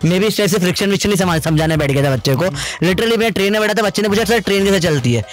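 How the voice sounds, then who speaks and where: Man, physics teacher, high-pitched, playful quiz banter, teasing tone. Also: expressive, very fast, soft background music. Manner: teasing, keeps calling questions simple.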